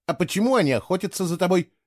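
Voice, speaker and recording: A man's voice: high-pitched, lively intonation, very fast, a little mellow, voice pushed up. Man playing an irritated young hero. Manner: irritated, insistent, sulky. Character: indignant young man, stranger lost in a strange world.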